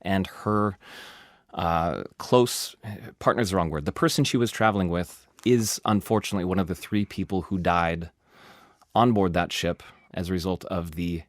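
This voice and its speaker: A man hosting a science podcast, explaining the news in a casual, animated way with lots of asides and emphasis. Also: sits low, moderate pace, no room sound, studio quality. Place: studio.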